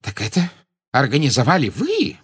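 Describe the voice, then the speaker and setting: A man's voice: huge pitch swings, very slow, gravelly, full character voice. A man voicing a blustering, pompous minister who barks out his words and gloats. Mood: shocked. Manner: shrill, barking exclamations. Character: blustering middle-aged male minister, gleeful and pompous.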